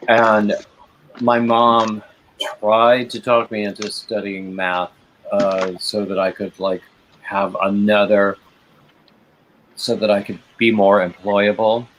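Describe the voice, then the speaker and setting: Low-voiced man chatting over background noise. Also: slow, pauses often, rough recording. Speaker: livestream host. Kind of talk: casual chat. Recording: steady noticeable background noise.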